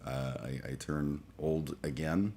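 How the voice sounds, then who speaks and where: Groggy forties streamer, very deep voice, rambling and profane, light background noise. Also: male voice, mellow. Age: 40s. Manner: halting, many fillers and restarts, profane. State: groggy after a late night. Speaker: livestream host. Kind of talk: casual rambling chat.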